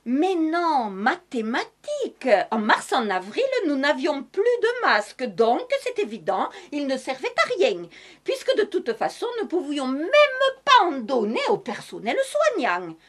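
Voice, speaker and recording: A woman's voice: high voice, very animated, measured pace, a bit bright, heavily acted. A woman playing Madame Masque, sing-song. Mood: mock-serious. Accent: put-on southern French. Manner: theatrical, giggly, mock-official. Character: Madame Masque, a chatty talking face mask. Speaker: guest in sketch. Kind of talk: comedic sketch.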